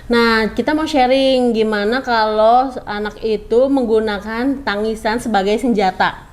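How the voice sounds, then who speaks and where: A woman in her thirties co-hosting a casual parenting chat with her husband, chatty and quick to agree. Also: on the high side. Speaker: co-host, wife. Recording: faint background noise.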